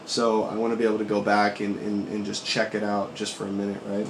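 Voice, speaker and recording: Low-voiced man recounting dreams, roomy echo. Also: monotone, brisk. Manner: rambling, profane, reflective dream recounting. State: voice worn out from recovering from sickness. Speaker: vlogger. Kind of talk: casual dream-journal vlog, recounting dreams. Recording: roomy echo, faint background noise.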